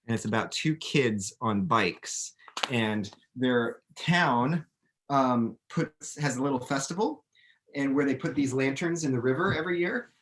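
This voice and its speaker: Here the middle-aged man speaks at a medium pitch with a fairly bright tone. In a casual chat where he explains to students, he answers questions as an author, thinks aloud, and keeps restarting sentences.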